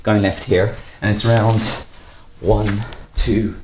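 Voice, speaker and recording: This is the host of a home renovation vlog, talking through his hands-on work in an unscripted, think-aloud way. His voice is on the low side, flat in delivery, and he takes it slowly, in a noisy home recording with clicks.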